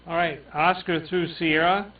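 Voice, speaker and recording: A slow, halting man with a slightly high voice leads a ham radio roll call, stopping often for fillers. His voice comes from a distance over a thin, phone-like radio sound. Faint static hisses under the radio room audio. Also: fairly even intonation. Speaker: net control host of a ham radio net.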